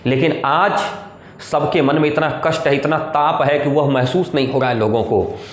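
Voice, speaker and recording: A man teaching Hindi poetry, reciting the verses slowly and then explaining them with quick asides and questions to the class. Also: on the high side, steady tone, reverberant.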